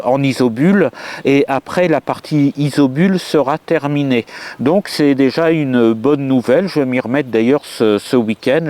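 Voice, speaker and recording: A man from France giving a casual vlog update to his viewers, talking hesitantly with many pauses and restarts. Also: medium pitch, mellow. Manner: hesitant, frequent filler sounds and restarts. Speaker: vanlife vlogger.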